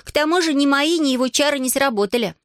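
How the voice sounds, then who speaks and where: A woman voicing a bossy, clever young witch girl who explains things briskly, with a dry edge. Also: high voice, no room sound, pitched above the performer's own voice, natural voice. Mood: explaining.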